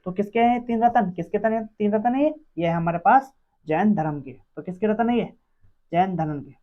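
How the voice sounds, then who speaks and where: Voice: mid-range voice, normal speed. A teacher running an exam-prep quiz lesson, asking each question aloud and answering it, repeating every answer several times. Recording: dull lo-fi recording.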